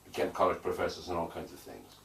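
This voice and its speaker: A man with a low, steady voice talks at a quick clip. He's a hypnotherapist answering interview questions emphatically and declaratively, repeating phrases for weight. The recording comes from an echoey room with a distant mic and faint background noise.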